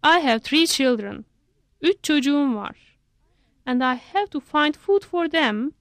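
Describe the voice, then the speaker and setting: A woman's voice: sits high, lively intonation, takes it slowly, fairly bright tone, no echo, clean studio sound, exaggerated voice. A woman voicing a scolding, overworked mother monkey who complains about her lazy husband. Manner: nagging, complaining.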